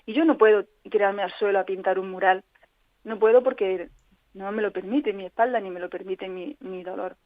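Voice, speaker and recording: A patient advocate from Spain tells her own story as a guest on a radio interview, sounding earnest and reflective at a normal speed. Her pitch is middling. The line is tinny and phone-like, dry with no room echo.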